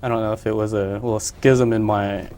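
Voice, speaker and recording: On a local cable show, a young Filipino painter appears as the artist guest in a casual interview, speaking hesitantly with many fillers and restarts. His lowish voice is clear and resonant, a little mellow and a little fast, with a flat delivery.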